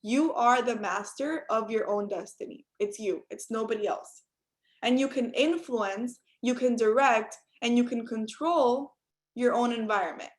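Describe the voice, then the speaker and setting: A young adult Cuban woman gives an earnest motivational talk over call audio on a group call. She speaks directly to her listeners, calling them "you all," in a voice on the high side at an unhurried pace.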